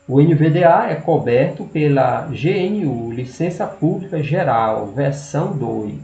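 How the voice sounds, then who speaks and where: A Brazilian man presenting a lesson, partly reading aloud, halting and pausing mid-sentence. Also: on the high side, expressive, creaky, dark tone. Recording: roomy, dull audio with hum.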